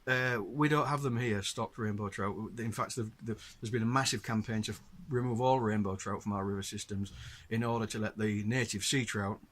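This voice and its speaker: A middle-aged Northern English man hosts a casual show-and-tell, patiently chatting to viewers about his gear. His voice is fairly low and fairly bright, with fairly even intonation, and he talks at normal speed with hardly any pauses.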